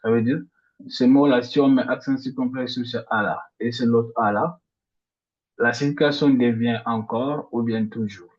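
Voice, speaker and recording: A man teaching a grammar lesson step by step, repeating each example word slowly, with frequent restarts and hesitations. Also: mid-range voice, steady tone. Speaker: language teacher. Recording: slightly dull lo-fi audio.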